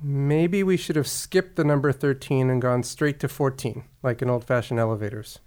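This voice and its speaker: A man's voice: mid-range voice, fairly even intonation, normal speed, a little mellow. Man, podcast co-host, wry, informative, scripted delivery.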